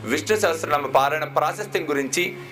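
A male spiritual teacher telling a devotional story in an animated, expressive sermon. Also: on the high side, fairly quick, faint music behind. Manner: animated, switches into character voices.

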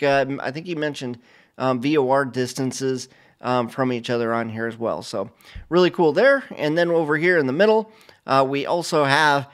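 A middle-aged man hosting a casual flight simulator video, talking over a screen share in a relaxed, rambling way full of fillers and restarts. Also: a little high. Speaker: flight sim channel host. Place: home studio, indoors.

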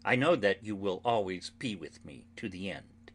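A man reading an audiobook, voicing an anguished, earnest young woman who pleads solemnly and slowly with her friends. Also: sits low, lively intonation, fairly bright tone. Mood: solemn pleading. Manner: solemn, slow, pleading delivery.

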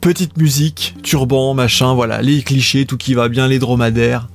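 A man casually chatting with viewers as he hosts a live stream of old adventure games, rambling in a relaxed way. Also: mid-range voice, normal speed, soft background music.

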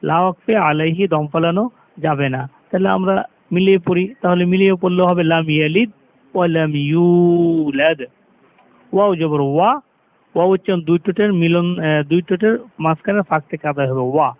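A high-pitched man teaches Quran recitation, explaining each sound in turn and then chanting the verse slowly and drawn out. The recording is thin and tinny, like it is coming through a phone line. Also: no echo. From Bangladesh. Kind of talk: step-by-step recitation lesson.

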